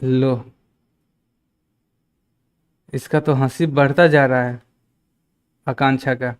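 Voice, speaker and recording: A man teaches a live-streamed maths lesson, solving problems step by step and chatting with viewers, reading out and teasing their chat messages. His mid-range voice is clear and resonant, with a level tone and slow pace.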